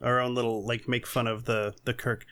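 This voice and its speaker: A man's voice: medium pitch, flat delivery, a little fast, fairly bright tone, clean tone. A man chatting casually, enthusiastic, laughing often and trailing off mid-sentence. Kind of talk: casual chat.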